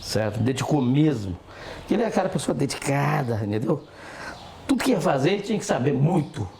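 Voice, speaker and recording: A man's voice: medium pitch, very animated, brisk, warm tone. A man with a Brazilian accent reminiscing casually as an interview guest, often checking in with short tag questions. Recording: faint background noise.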